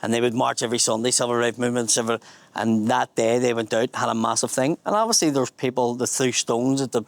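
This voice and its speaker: A man's voice: medium pitch, steady tone, fast, gravelly, no room sound. A man in his forties with a Belfast accent, a comedian guiding a casual tour outdoors and telling history in a blunt, sweary way. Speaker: tour guide and comedian host. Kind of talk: casual guided tour chat. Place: outdoors at a memorial garden in a housing estate. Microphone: small handheld mic.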